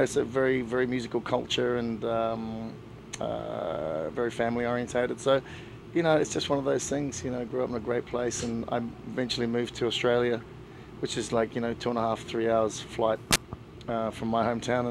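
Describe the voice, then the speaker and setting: Middle-aged New man, laid-back backstage interview, gravelly voice, faint background hum. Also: medium pitch. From New Zealand. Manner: relaxed storyteller, many "you know" fillers. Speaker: band singer. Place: backstage at a music festival.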